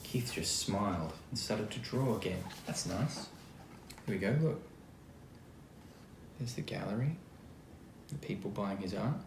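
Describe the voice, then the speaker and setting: A man with a lowish, creaky voice reads a children's picture book aloud a little slowly, leaving long pauses. He performs the quoted lines with expression and slips in chatty asides, in a room with noticeable echo and faint background noise.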